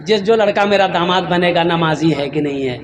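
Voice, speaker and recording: A man from India preaching a sermon. He asks rhetorical questions and answers them himself, repeats emphatic phrases, and swings between raised, impassioned delivery and quiet storytelling. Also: high voice, fairly quick, noisy background. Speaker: Islamic preacher. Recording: live gathering with audible crowd.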